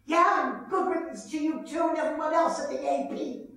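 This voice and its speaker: A woman's voice: high-pitched, moderate pace, fairly bright tone. An actress playing a blunt, earthy woman reporter who swears freely, in a one-woman stage play. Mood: angry. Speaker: stage actor. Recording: roomy stage from far off.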